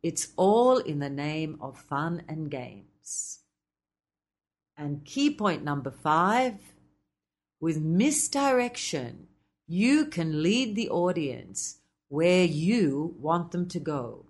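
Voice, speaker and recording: Woman coaching mcs, slow and careful, voice bouncing up and down, fairly low pitch. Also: sing-song. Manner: measured, explanatory delivery with playful asides. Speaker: MC trainer. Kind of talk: instructional talk.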